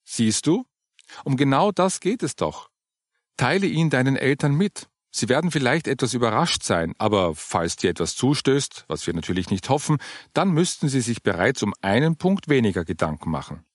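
A calm older churchgoing woman, patient and gently cheerful as she explains things, as a male narrator puts her on. Her voice sits a little higher than his usual tone and swings widely in pitch. The sound is dry and close. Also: normal speed, no room sound. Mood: encouraging.

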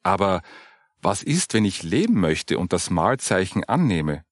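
Curious, surprised boy asking questions, read by a male narrator, lively intonation. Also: low-pitched, unhurried, no room sound, studio quality, heavily acted.

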